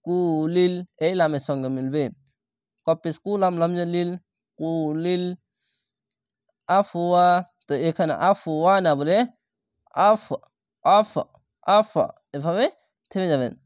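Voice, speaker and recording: Clear-voiced man teaching recitation. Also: fairly high pitch, fairly even intonation, a little mellow, no room sound, clean studio sound. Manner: patient, spells out letters and vowel marks, drawn-out chanted words. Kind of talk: step-by-step recitation lesson.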